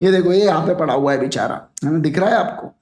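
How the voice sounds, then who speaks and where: A man's voice: fairly high pitch, quick pace, darkish tone, slight background noise. A man teaching law in a live online lecture on a podcast mic, chatty and jokey, often asking students to repeat answers.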